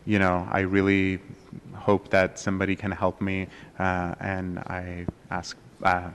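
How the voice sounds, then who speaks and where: A man interpreting a speaker's words into English at a public meeting, hesitant and halting. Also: deep voice, monotone, a bit bright, a little hiss or hum. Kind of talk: consecutive interpreting. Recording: long hall reverb.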